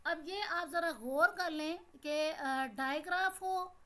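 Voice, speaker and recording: High-voiced woman teaching with patience. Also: takes it slowly, sharp tone. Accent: Pakistani Urdu. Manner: patient, repeats words and asks the class questions. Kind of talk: explaining a school English lesson.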